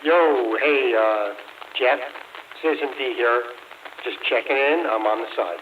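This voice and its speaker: A man's voice: medium pitch, measured pace, phone-quality sound. Older man over CB radio static. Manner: friendly, easygoing, uses radio lingo. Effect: heard over a CB radio. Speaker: CB radio operator. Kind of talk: casual CB radio chat. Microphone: CB radio handset. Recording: distant, phone-thin CB radio with loud static.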